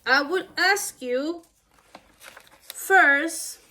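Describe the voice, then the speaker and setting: This Ecuadorian woman, whose first language is Spanish, speaks with a Latin American accent while teaching. Her high voice carries a bright, forceful tone, yet her instruction comes out halting and careful, one phrase at a time.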